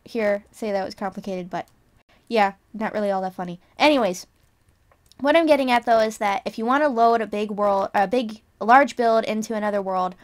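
A young adult woman with a mid-range voice hosts a casual game tutorial on her channel. She's chatty and rambling, often correcting herself and teasing her viewers.

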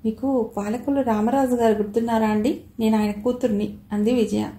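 A woman's voice: on the high side, steady tone, a little fast, mellow, lightly acted. A woman reading the part of a polite, eager young woman, in a recording with a roomy echo. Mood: earnest.

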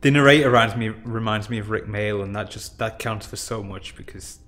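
A man's voice: lowish voice, brisk, a bit bright, soft background music. A man casually commenting on indie games as he plays, in a chatty, rambling, self-deprecating way. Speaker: game showcase host. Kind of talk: casual let's-play commentary.

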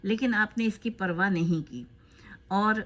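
A woman giving a spoken tribute in a loose, unscripted way, pausing often with fillers. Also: mid-range voice, a bit bright. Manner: hesitant, with frequent filler pauses. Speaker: narrator of a tribute video.

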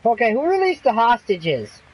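Husky, high-voiced cursing gamer guy. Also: huge pitch swings, normal speed, highs cut off. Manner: profane, frustrated ranting. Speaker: gamer streaming co-op play. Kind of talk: casual gaming chat.

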